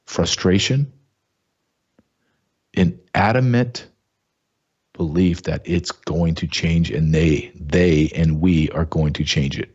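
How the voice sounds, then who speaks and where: Slow and low, with frequent pauses, this talk show host from the American South delivers a casual monologue of commentary. His voice is a little mellow with a breathy edge, captured on a muffled recording, and he talks emphatically while repeatedly restarting and repeating words.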